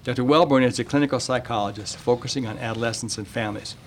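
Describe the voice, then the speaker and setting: A man hosting a radio show, reading a measured, plain-spoken monologue on parenting and then interviewing a guest. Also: medium pitch.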